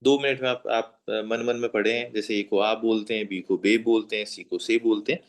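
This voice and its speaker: A man gives a German lesson in a classroom, pointing to the whiteboard, saying each sound again patiently and checking that his students have noted it. He speaks at a normal speed in a lowish, steady voice.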